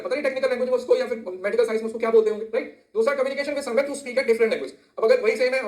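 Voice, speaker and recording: A man's voice: very high-pitched, darkish tone. A man teaching an exam-prep lesson and mixing languages as he explains. He keeps checking in with his listeners and repeats the key terms. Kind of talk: code-mixed lecture. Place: indoor room near a road. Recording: echoey room.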